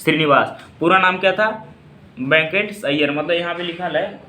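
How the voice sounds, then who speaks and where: Chatty tutor, echoey room. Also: male voice, on the high side, normal speed, sharp tone, slight background noise. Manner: repeats questions and answers them himself. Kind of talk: casual classroom story explanation.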